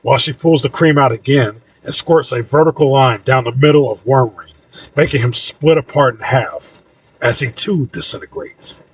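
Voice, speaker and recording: Male author-narrator, casual audiobook read, husky, slightly distant. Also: medium pitch, animated, moderate pace, no room sound. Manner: casual, slightly stumbling reading. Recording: voice a bit far from mic.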